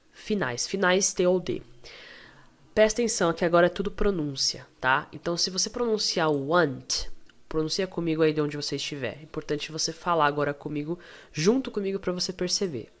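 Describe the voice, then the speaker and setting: A Brazilian woman with a low voice and a Brazilian Portuguese accent gives an online English lesson over her screen. She is chatty and encouraging and keeps checking in with quick questions. Her tone is relaxed and plain, like a teacher talking to her own students.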